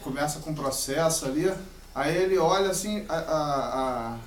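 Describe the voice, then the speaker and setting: A man with a high voice speaks casually in a class discussion, working through examples. He sits far from the microphone in a roomy, echoing classroom, with a faint hiss underneath. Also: normal speed. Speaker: student. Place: university classroom. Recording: roomy classroom, distant mic.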